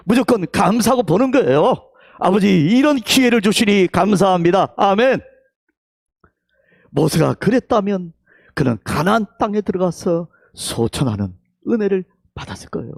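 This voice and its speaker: A male pastor with a Gyeongsang accent preaching a Sunday sermon in a church, with emphatic calls that drop to hushed whispers, leading the congregation to repeat his words. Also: sits high, dry recording, clean studio sound. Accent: Gyeongsang Korean. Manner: leads the congregation in call-and-response. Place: church sanctuary.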